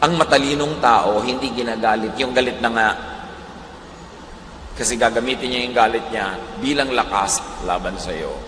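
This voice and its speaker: Man, Filipino accent, sermon, shifts soft to loud, roomy hall echo. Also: medium pitch, moderate pace, slight background noise. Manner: animated, switching between soft and loud emphatic lines, acting out quoted speech. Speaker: preacher. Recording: roomy echo with long reverb, faint ambience.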